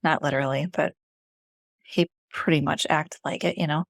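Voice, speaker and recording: A woman's voice: deep voice, fairly even intonation, moderate pace, gravelly, dry recording, clean studio sound. A middle-aged woman with an Upper Michigan Yooper accent telling a personal story in a chatty, informal, emphatic way. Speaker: vlogger.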